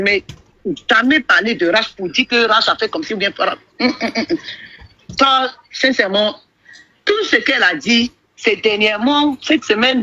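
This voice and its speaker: A woman's voice: on the high side, bright, forceful tone, no room sound. A woman calling into a live stream, hesitant and defensive, repeating herself. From Ivory Coast. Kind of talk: heated phone call on a live stream. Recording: muffled phone-call audio.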